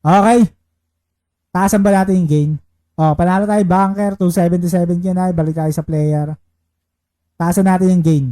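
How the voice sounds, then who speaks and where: A man chatting casually on a live stream as he plays baccarat, reading out viewer shoutouts and chanting his betting calls. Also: high-pitched, fairly even intonation, normal speed, long pauses. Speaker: livestreaming baccarat player.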